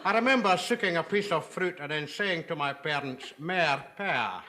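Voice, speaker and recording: A man's voice: fairly high pitch, animated, moderate pace, close to an everyday voice. Man as a pompous linguist, self-satisfied, fumbling grammar, noisy archive TV. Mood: smug. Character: pompous man boasting of his language gift. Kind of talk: TV comedy sketch. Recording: archive TV sketch with loud noise and clicks.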